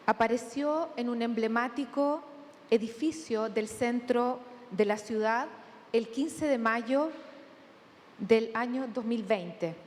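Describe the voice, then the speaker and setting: A woman from Chile with a Chilean accent, giving a measured academic conference talk with thoughtful pauses in a large hall. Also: fairly high pitch, a little mellow. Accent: Chilean Spanish. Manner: measured, deliberate, with thinking pauses. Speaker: conference speaker. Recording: long hall reverb, faint room noise.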